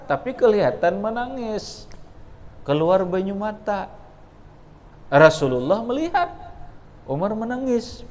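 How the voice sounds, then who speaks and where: On the high side and a little mellow, this man's voice has a Banjar accent from South Kalimantan, Indonesia. He's a kiai leading a traditional kitab class at an Islamic boarding school, reading Arabic phrase by phrase, explaining each in local dialect, and often pausing to quiz his students.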